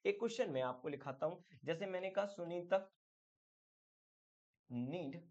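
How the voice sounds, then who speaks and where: A man's voice: sits high, animated, fast, darkish tone. Guy doing an exam grammar lesson, talks to you like a friend, asks then answers himself, kinda muffled audio. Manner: chatty, calls the viewer "my friend", asks and answers his own questions. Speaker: English grammar teacher.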